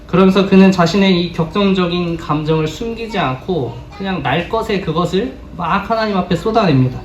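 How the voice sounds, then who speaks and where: A man's voice: sits high, brisk, highs cut off. A man preaching a sermon to a congregation, earnest, putting rhetorical questions to his listeners. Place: church sanctuary. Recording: roomy, distant, faint background noise.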